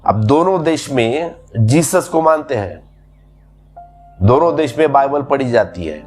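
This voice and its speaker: A man's voice: medium pitch, animated, measured pace, darkish tone, faint music behind. A man giving a spiritual discourse as a teacher, explaining patiently through repeated everyday examples.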